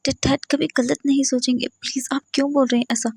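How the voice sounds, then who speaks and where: A woman's voice: high-pitched, flat delivery, quick pace, vocal fry, no echo, studio quality, pitched above the performer's own voice. A woman voicing a hot-tempered, sulky young man who snaps and stammers when angry. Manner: snappish, stammering in anger.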